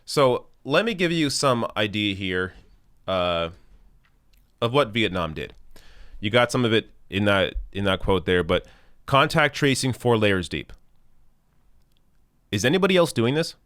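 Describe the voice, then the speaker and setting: Low-voiced man giving earnest political commentary. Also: lively intonation, a little slow, long pauses, a bit bright, no room sound, clean studio sound. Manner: earnest, emphatic, opinionated. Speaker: host of a news commentary show. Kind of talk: political commentary, talking off the cuff to viewers.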